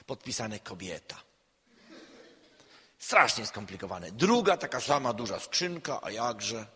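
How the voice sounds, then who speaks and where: A man, a counselor, giving a public lecture in an emphatic way, swinging between loud and quiet. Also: lowish voice, sing-song, a little slow, slightly rough. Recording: long hall reverb.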